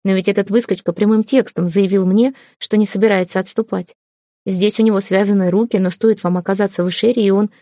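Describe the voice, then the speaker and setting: A woman's voice: medium pitch, steady tone, brisk, mellow, no echo, clean studio sound, close to an everyday voice. A woman reading the part of a proud, hot-tempered young prince who turns from irony to stern pleading. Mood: ironic.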